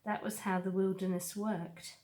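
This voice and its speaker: A woman with a mid-range voice reads a children's novel aloud as a storybook reader, telling the story in a measured, expressive way.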